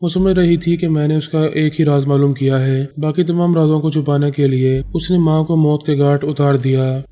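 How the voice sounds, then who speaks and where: A man narrating a story in a steady, dramatic reading style. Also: fairly high pitch. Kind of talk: scripted narration.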